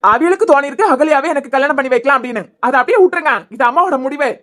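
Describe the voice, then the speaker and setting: A woman's voice: sits high, racing, fairly bright tone. A woman voicing a resigned young man in a cartoon serial, with a Kanyakumari Tamil accent. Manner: pleading, resigned. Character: meek young man deferring to his mother.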